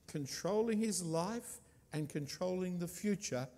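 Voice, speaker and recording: A man preaching a sermon, stressing and repeating key words with deliberate emphasis. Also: high voice, animated, warm tone, big-room sound.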